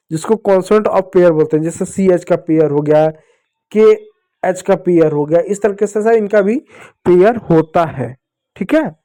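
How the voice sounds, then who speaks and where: High-voiced man teaching kids phonics. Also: dark tone. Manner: patient, repeats and asks the children questions. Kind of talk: children's phonics lesson.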